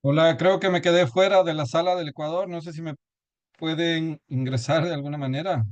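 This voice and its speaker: A male student on a video call with a slightly high voice. He sounds hesitant and a little confused. The sound is dry, with no room echo. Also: fairly even intonation, brisk, dull audio. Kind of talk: online class talk.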